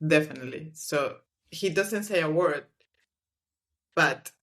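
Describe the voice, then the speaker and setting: A deep-voiced woman speaks unhurriedly as a scientist guest on a podcast's casual book club discussion. Spanish is her first language, and her English comes out thoughtful and hesitant, often trailing off.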